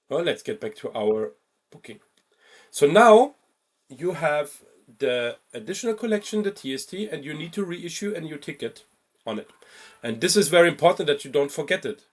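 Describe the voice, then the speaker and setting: Leading a casual tutorial on travel booking software, a male instructor goes step by step, occasionally pausing and hammering home important points through repetition. He sounds animated, with a pitch on the high side.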